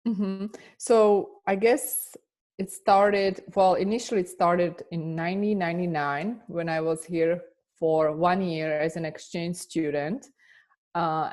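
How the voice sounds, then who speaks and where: A woman with a Slovak accent and a fairly low voice answers interview questions. She speaks earnestly, with plenty of fillers and restarts. Her answers sound like those of an attorney and coach recounting her own path. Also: a little mellow. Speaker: immigration attorney and business coach.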